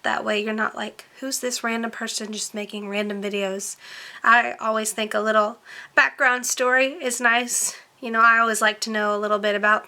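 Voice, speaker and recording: A young woman talks straight to the camera in a relaxed Q&A vlog. Her voice is very bright and sits a little high. She rambles, filling her chatty answers with ums and likes. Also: normal speed. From born in Romania, raised in Tennessee. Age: 20s. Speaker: beauty vlogger. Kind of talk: casual Q&A chat to camera.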